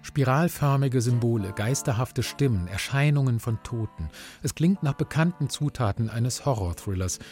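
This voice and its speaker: A man of middling pitch reads a scripted review for radio in standard German. He sounds like a culture reporter, with faint music underneath. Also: lively intonation, moderate pace, hardly any pauses, a little mellow.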